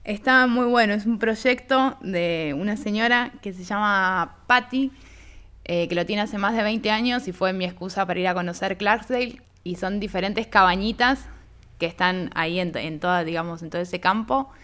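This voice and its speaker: Argentine woman telling a lively travel story. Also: mid-range voice, moderate pace. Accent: Argentine Spanish. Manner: lively anecdotal, reenacts dialogue with "me dice". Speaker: guest traveler. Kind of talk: casual radio interview storytelling.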